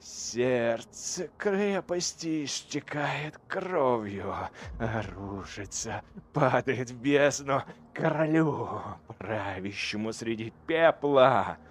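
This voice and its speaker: A man voicing a battered male chaos warrior who slowly chants a grim prophecy in a sing-song way, as part of an audiobook reading. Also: medium pitch, expressive, a little hiss or hum. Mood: chanting.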